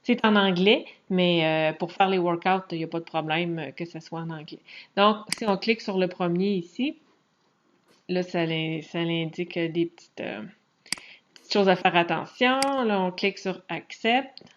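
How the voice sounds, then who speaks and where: A woman with a Quebec French accent giving a casual, chatty screen walkthrough tutorial, pausing often to hesitate as she talks. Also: lowish voice, slight background noise. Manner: chatty, relaxed, frequent hesitations. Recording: dull lo-fi recording.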